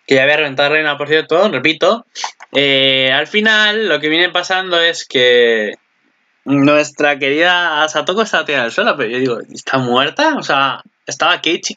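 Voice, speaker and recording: A young man talks through an anime episode in loose, rambling commentary, jumping into excited outbursts. His voice sits a bit high and sounds bright and forceful. The home recording is dull and lo-fi. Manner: excitable, rambling, jumps to loud exclamations. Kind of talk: casual video commentary.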